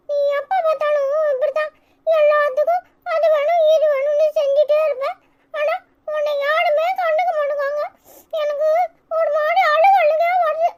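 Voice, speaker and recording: A woman's voice: darkish tone, dull audio. A woman voicing a sulky, tearful little boy in a Tirunelveli Tamil accent for a cartoon. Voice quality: very high, childlike. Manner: whiny pleading, near tears. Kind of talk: cartoon comedy voice acting.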